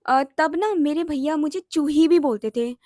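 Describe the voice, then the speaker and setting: High-voiced young woman telling a story. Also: moderate pace, a little mellow, no room sound, studio quality. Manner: chatty, emotional, mixes in English words. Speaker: vlogger telling a personal story. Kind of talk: casual storytime monologue.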